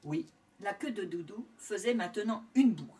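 A woman reading a storybook aloud to young children, expressive and sing-song. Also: medium pitch, moderate pace, distant mic.

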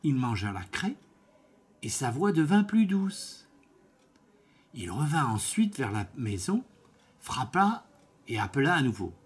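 A man reading a fairy tale aloud, slow and expressive, with small slips and self-corrections. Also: mid-range voice, breathy edge. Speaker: storyteller.

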